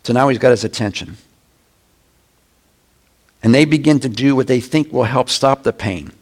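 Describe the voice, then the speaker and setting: A middle-aged man, a pastor, preaching a conversational sermon with sudden loud shouts. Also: medium pitch, normal speed.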